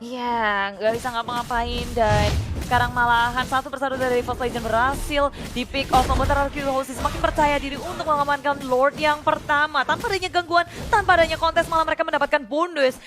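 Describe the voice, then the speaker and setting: A woman with an Indonesian accent giving energetic game announcer commentary and analysis as an esports co-caster. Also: high voice, brisk, music in the background.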